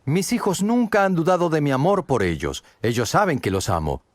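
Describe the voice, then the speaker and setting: A man's voice: a little high, very animated, brisk, no echo. A man preaching a sermon, earnest and direct, asking many rhetorical questions and speaking straight to the listener. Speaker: pastor.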